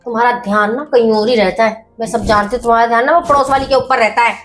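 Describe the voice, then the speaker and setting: A woman's voice: a little high, steady tone, quick pace, faint music behind. A woman acting a sassy, bantering wife in a comedy sketch. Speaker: comic actress.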